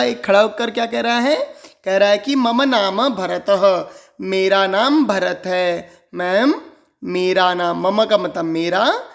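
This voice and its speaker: A man teaching a textbook lesson to children, reciting slowly and repeating each phrase with care. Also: sits high, creaky. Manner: slow, carefully spelled-out recitation and repetition.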